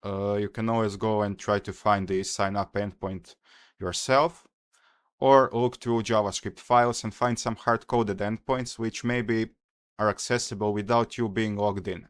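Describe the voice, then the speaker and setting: Man, Croatian accent, methodical tutorial host, fairly low voice, dry close sound. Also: level tone, smooth, dry recording. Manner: careful, methodical explaining with frequent "uh" pauses. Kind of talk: screen-recorded hacking tutorial.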